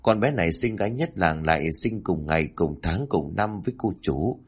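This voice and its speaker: A man's voice: low-pitched, lively intonation, moderate pace, slightly rough, voice pushed down. A man voicing a fawning young male servant in an audiobook story, humble and wheedling.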